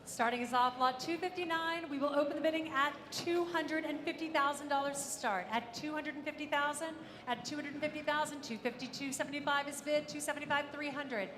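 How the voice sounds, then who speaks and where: A woman's voice: sits high, steady tone, fairly quick, few pauses. A woman auctioneer calling a live auction, repeating bids and asking for any advance. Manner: auctioneer's repetitive bid calling. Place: large auction room. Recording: echoey hall, ambient noise.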